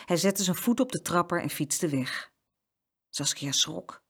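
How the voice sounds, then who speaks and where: A woman reading a children's story aloud as narrator, with expressive storytelling. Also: lowish voice, unhurried, husky.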